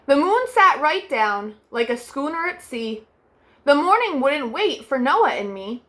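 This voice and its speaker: A young woman leads storytime, reading picture books aloud to kids; her gentle sing-song reading features soft, prolonged refrains. She is high-pitched and very animated.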